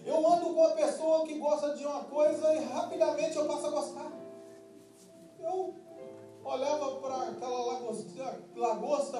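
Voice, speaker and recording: A pastor from Minas Gerais preaching a sermon in a Minas Gerais accent, humorous and emphatic, telling stories. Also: male voice, extremely high pitch. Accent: Minas Gerais Brazilian Portuguese. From Minas Gerais, Brazil. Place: church hall before a congregation. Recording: echoey church hall, distant mic, music and congregation.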